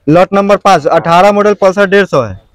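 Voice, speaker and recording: A man's voice: high voice, moderate pace, no echo. A man running an outdoor motorbike auction, calling bids over and over. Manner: repetitive bid calling, chanting prices. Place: outdoor lot full of parked motorbikes.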